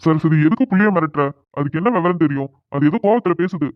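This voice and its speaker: A man's voice: a little high, quick pace, dry recording, natural voice. A man voicing a stern village father in a cartoon drama, reproaching his son sarcastically. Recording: tinny phone-like sound.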